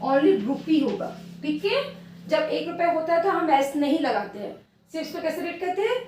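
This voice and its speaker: A woman teacher with an Indian accent, patiently dictating a maths lesson to young children, repeating each word slowly. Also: very high-pitched, expressive, darkish tone, slight background noise. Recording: echoey room, voice from far off.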